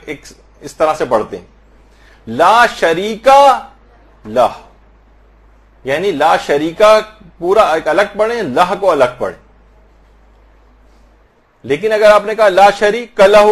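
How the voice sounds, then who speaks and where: Higher-voiced man teaching recitation. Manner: slow, careful demonstrations of recited phrases; patient, corrective explaining. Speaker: religious teacher. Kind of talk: prayer pronunciation lesson.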